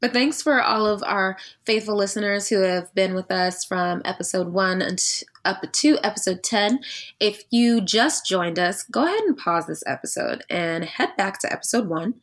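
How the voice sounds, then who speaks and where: A woman's voice: mid-range voice, moderate pace, fairly bright tone. A young woman hosting a podcast in casual chat, upbeat and slangy. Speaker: podcast host.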